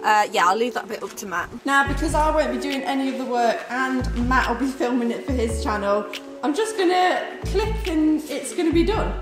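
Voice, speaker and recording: Brief: young woman car vlogger, slightly high voice, chatty self-filmed garage vlog over background music. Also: animated, normal speed. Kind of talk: casual vlog narration. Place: garage workshop indoors. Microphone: handheld camera at arm's length.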